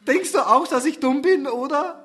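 A man's voice: sits high, normal speed, fairly bright tone, pitched above the performer's own voice. A man voicing an anxious young woman who overthinks her relationship and turns tearful. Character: anxious, soul-searching young woman in love.

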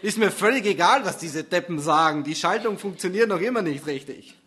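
A man voicing a grumpy, oblivious man who mutters gruffly about his car troubles. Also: high-pitched, animated, brisk, fairly bright tone. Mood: grumbling.

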